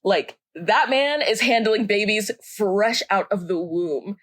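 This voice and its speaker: A woman's voice: mid-range voice, lively intonation, takes it slowly, no room sound. A young woman co-hosting a podcast, ranting in a heated, profane, casual way about things she hates. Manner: ranting, heated and profane, laughing at her own story. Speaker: podcast co-host. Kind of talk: casual chat.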